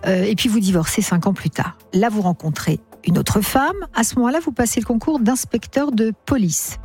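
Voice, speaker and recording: A woman hosting a late-night call-in radio show, gently probing and summing up a caller's story. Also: mid-range voice, moderate pace, breathy edge, soft background music. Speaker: radio host.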